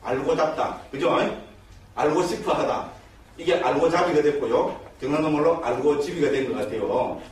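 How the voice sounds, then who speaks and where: Male monk, dharma lecture, rhetorical questions, somewhat high voice, distant mic, faint room hum. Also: normal speed, very echoey. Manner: lively, checks in constantly with rhetorical questions. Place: temple education hall.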